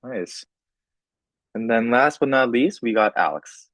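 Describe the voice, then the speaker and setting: A young man moderating an online panel over a video call, relaxed and full of fillers and restarts. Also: medium pitch, measured pace, dry recording.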